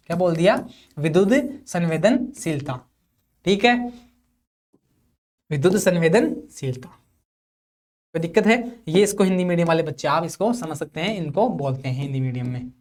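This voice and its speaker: A man from India teaching a physics class for an exam. He asks questions and answers them himself, keeps checking whether it is clear, and reads definitions out slowly. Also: fairly high pitch, lively intonation, a little mellow. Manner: reads English definitions slowly, explains in Hindi. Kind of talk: classroom lecture for exam prep.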